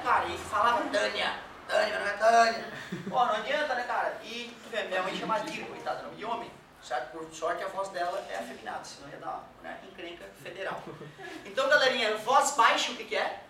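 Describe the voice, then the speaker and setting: A man's voice: high-pitched, fast, noisy background. A man teaching a classroom lecture in a joking, colloquial way, dropping swear words and acting out quoted voices. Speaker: physics teacher. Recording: very echoey room, mic far off.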